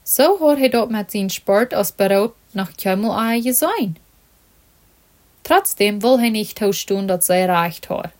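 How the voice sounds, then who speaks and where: Slow woman reading a story aloud. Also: mid-range voice, lively intonation, darkish tone.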